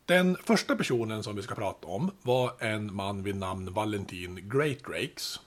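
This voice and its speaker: Husky, low-voiced male podcast host. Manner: relaxed, chatty explaining with asides. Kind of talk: casual history storytelling.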